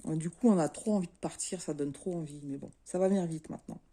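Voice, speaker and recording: A middle-aged woman from France, a craft vlogger chatting casually to her viewers in a relaxed, easygoing way with many fillers. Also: deep voice, fast talker. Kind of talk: casual chat to camera.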